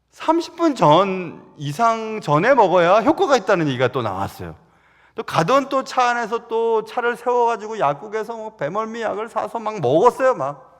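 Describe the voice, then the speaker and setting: A middle-aged man preaching a Sunday sermon, telling stories with sudden loud rises and soft drops. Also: high-pitched, big-room sound. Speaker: pastor. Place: large church sanctuary.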